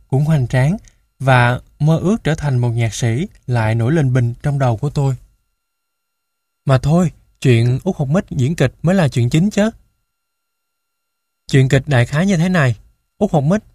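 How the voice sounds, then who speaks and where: A man reading a first-person children's story aloud in a steady, measured way into a close mic. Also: mid-range voice, dry recording. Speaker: audiobook narrator.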